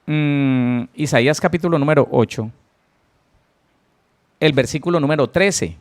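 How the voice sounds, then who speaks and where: A man's voice: a little high, unhurried. A middle-aged man preaching a Bible teaching sermon, earnest, repeating key words and speaking straight to his listeners with rhetorical questions. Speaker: pastor.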